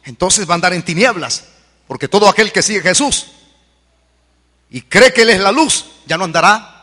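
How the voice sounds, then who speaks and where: A man preaching an evangelical sermon, fervent and repetitive, rising to shouted peaks. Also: sits high, expressive, normal speed, long reverb tail. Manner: fervent, swings to shouted peaks, repeats calls to convert.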